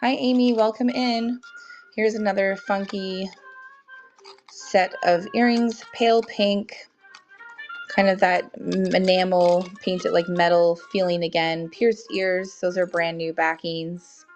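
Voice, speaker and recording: A young woman with a cold runs a live auction stream, chatting casually and greeting viewers by name as her tired voice wears thin. She speaks slowly at medium pitch, steady and darkish in tone, over a dull lo-fi stream with faint music.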